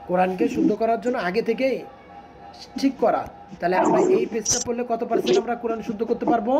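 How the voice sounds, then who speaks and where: A man teaching children to read Quran letters, asking them questions and repeating the sounds slowly. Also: high voice.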